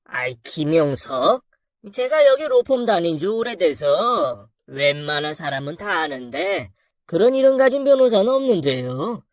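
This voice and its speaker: A storyteller voicing a condescending middle-aged man who runs a law firm, slow and lecturing. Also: medium pitch, very animated, dry recording, clean studio sound. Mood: puzzled.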